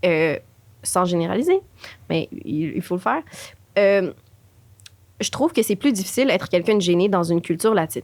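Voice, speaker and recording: A woman from Chile with a Quebec French accent, co-hosting a podcast in casual, expressive conversation, full of fillers and stray English words. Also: fairly low pitch, normal speed, long pauses, no room sound. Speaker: podcast co-host.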